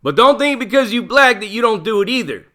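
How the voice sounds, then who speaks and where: A man's voice: high-pitched, animated, a little fast, bright, forceful tone. A middle-aged man, a former prisoner, talking bluntly in a casual monologue full of profanity and street slang. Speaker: channel host, former prisoner.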